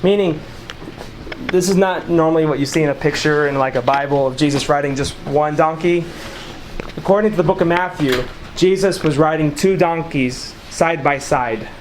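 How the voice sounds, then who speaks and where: Reading passages of scripture and talking through their meaning, a man guides a casual Bible study for a small group gathered in a small room. He speaks at a moderate pace in a fairly high voice, with background noise present.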